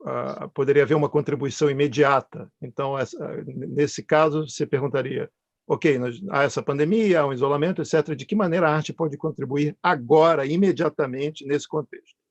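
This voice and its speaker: Male panel guest, gravelly and halting, explanatory, dull dry recording. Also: fairly high pitch, no room sound. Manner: halting, searching for words. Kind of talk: thoughtful explanatory answers. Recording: dull, close, dry sound.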